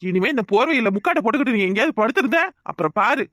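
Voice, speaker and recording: A voice actor playing a quick-tempered young village husband in a cartoon, bickering fast. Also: mid-range voice, expressive, a bit bright, no echo, clean studio sound. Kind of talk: cartoon voice acting.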